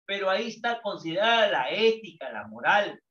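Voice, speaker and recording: Older man, psychology teacher, animated question-and-answer lecturing, echoey distant lo-fi sound. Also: sits high, brisk. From Peru. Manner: lively, asks and answers his own questions. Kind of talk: lecture to students.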